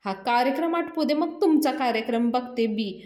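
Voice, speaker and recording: A woman voicing an angry middle-aged aunt who scolds loudly, in a serial recap. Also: fairly high pitch, lively intonation, normal speed, lightly acted. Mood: scolding. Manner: scolding, loud and exasperated. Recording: roomy echo.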